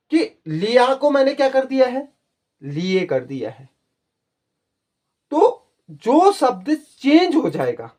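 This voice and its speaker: Slow, lively-voiced male Hindi teacher. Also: high-pitched. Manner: slow, explaining patiently to students, repeating words; addresses viewers as children. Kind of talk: spoken grammar lesson.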